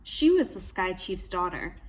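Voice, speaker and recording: A woman's voice: lowish voice, a little slow. A woman reading a trickster tale aloud from a picture book, prompting young listeners with questions and wondering aloud. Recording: steady background ambient noise.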